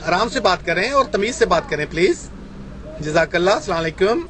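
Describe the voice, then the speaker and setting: A man's voice: high-pitched, expressive, sharp tone, a little hiss or hum. A man sending a voice message while driving, polite in tone but mocking, repeatedly saying please. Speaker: Ahmadi missionary debater. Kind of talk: voice-message debate. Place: in a moving car, driving.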